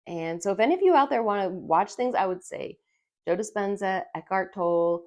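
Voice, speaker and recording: Middle-aged woman vlogging her own story, low voice, earnest, lots of ums and restarts. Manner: emotional, earnest, halting with fillers and repetitions. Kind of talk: personal storytelling vlog.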